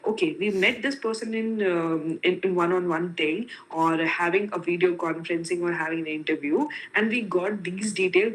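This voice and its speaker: A woman's voice: medium pitch, fairly bright tone, a little hiss or hum, low-quality recording. A woman giving a webinar talk on career profiles over a video call, explaining and rephrasing her points. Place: video call from home setup. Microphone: computer mic without headset.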